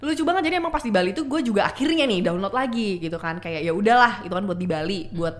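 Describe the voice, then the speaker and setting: Speaking quickly and animatedly in a mid-range voice, this podcast guest is a woman in her twenties with a Jakarta Indonesian accent. She chats in a slangy, casual way, telling stories and performing the quoted lines as she goes.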